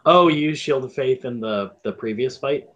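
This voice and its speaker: A man running a tabletop game as game master, explaining the rules in halting stretches full of ums and restarts. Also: medium pitch, a bit bright, highs cut off.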